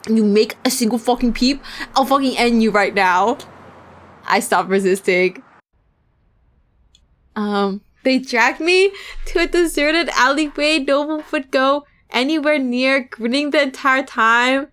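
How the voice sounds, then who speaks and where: A young woman streaming a visual novel, reading its text aloud in an animated, giggly way and swearing freely. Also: sits high, a little slow.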